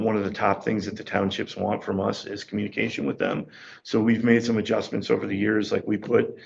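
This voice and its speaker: Man, low gravelly voice, hoarse and fading, halting with ums, county meeting report, muffled lo-fi audio. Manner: halting, many ums and uhs. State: losing his voice. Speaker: county planning official presenting a report. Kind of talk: public meeting presentation.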